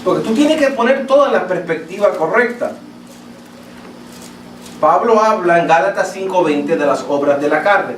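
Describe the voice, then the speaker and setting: A man's voice: high voice, lively intonation, normal speed. A Latin American man preaching a sermon as pastor, emphatic and repetitive, often asking his listeners questions. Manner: emphatic, repeats words and asks the congregation questions. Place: church sanctuary. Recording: echoey church hall, voice from a distance, faint room noise.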